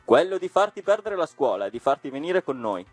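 A man's voice: on the high side, big pitch swings, brisk, breathy edge, no echo, faint music behind, voice pushed up. A man doing scornful rowdy schoolboy bullies. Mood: threatening. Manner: threatening, scornful. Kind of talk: storybook reading.

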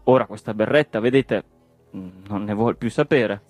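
A man's voice: fairly low pitch, normal speed, no echo, faint music behind, lightly acted. A man doing a plaintive, down-at-heel villager. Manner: calm, plaintive. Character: poor, carefree middle-aged man, mournful.

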